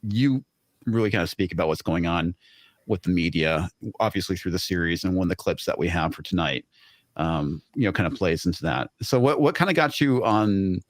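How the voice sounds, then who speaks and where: A man hosts a casual podcast and asks his guest questions. His voice sits very low, and he circles around his point before he gets to it. The sound is dry and close. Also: fairly quick, dry recording. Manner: hedging, roundabout phrasing. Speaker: podcast host.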